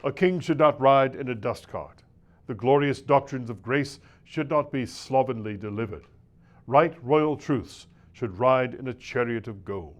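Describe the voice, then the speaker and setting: A man giving a scripted reading of a nineteenth-century lecture to preachers, in a measured, oratorical delivery with shifting emphasis. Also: medium pitch. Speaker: reader of a classic lecture.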